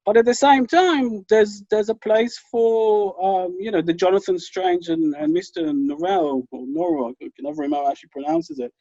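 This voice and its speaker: A male writer talking as a panel guest, animated and conversational, often restarting his sentences and leaning on "you know.". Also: sits high, moderate pace, vocal fry, hardly any pauses, no echo. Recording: dull lo-fi call audio, dry.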